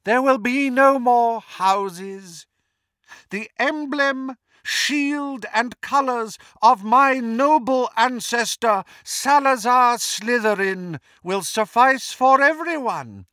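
A cold, menacing dark lord from a fantasy audiobook. The voice sits high and silky with a soft hiss. He draws his words out slowly and pompously, mocking whoever he addresses. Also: dry recording, studio quality, exaggerated voice. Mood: grandiose, commanding. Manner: slow, drawn-out, pompous menace.

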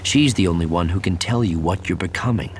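A man reading the lines of a calm, shrewd male Jedi master in a cool, measured way. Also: sits low, a little hiss or hum, lightly acted.

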